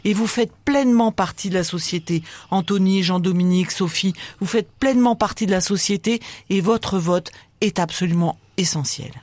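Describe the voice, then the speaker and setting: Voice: mid-range voice, normal speed, few pauses, darkish tone, no room sound. A studio guest on a radio show, speaking earnestly and addressing the other guests directly by name. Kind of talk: radio talk.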